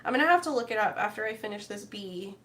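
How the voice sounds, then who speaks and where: A woman's voice: mid-range voice, expressive, quick pace, a bit bright. A woman chatting casually with live viewers while she crochets, rambling and reading out their comments. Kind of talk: casual crochet-along chat.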